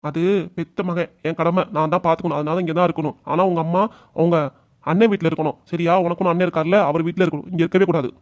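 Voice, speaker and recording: Brief: cartoon patriarch, stubborn and commanding, rapid scolding, voiced by a man. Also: a little high, level tone, lightly acted. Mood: stern. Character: stern elderly father-in-law, stubborn head of the house. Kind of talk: amateur cartoon voice acting.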